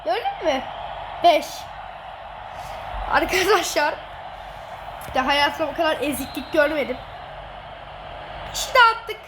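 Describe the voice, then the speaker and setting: Very high-pitched woman gloating over a game. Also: expressive, slow pace, long pauses. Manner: teasing, gloating, laughing often. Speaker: gamer streamer. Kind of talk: excited gameplay commentary. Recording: noisy game audio behind.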